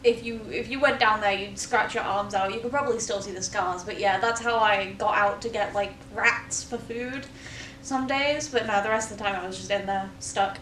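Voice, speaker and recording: A British woman chatting casually with dry, deadpan jokes. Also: medium pitch, normal speed. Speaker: guest, film crew member. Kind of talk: casual chat. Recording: echoey room from a distance with faint noise.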